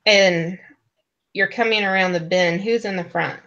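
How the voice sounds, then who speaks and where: A woman's voice: medium pitch, steady tone, a little slow, a bit bright, lo-fi sound. A woman narrating a tabletop game as game master, taking her time with frequent ums.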